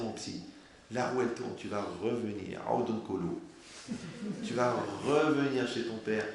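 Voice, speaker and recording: A man giving a religious class, animated and humorous, asking his listeners rhetorical questions. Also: medium pitch, creaky. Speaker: Torah teacher. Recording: very echoey room, faint noise.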